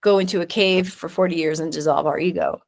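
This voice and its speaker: A middle-aged woman talking as a podcast guest in casual conversation, animated and quick to act out little voices. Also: on the low side, creaky. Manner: animated, acts out voices in anecdotes, swears casually. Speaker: guest, neurosculpting teacher.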